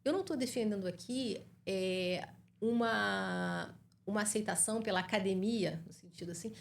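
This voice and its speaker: A woman with a Brazilian accent, a psychologist answering interview questions and acting out quoted dialogue with lively vocal shifts. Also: mid-range voice, moderate pace, gravelly, slight background noise. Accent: Brazilian Portuguese. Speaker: guest psychologist.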